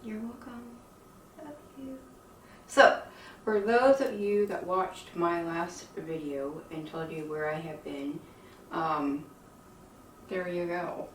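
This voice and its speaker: A woman chatting casually to her viewers in a weary, folksy, rambling way, her speech softened by missing teeth, lips over gums. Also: fairly low pitch, slow pace, pauses often. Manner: chatty, weary, folksy slang, frequent laughs. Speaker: video creator with own channel. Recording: roomy, distant mic, faint noise.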